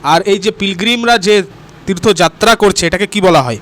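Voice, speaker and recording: A man teaching an exam-prep lesson, explaining terms patiently and reading English questions out slowly. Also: sits high, a bit bright. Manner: explains terms patiently, often checks in with 'right?'.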